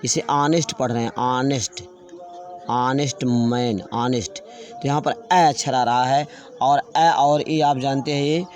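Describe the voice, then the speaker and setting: A man teaching English grammar, slowly spelling out words letter by letter and repeating them. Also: mid-range voice, fairly even intonation, a little mellow. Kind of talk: classroom grammar lesson.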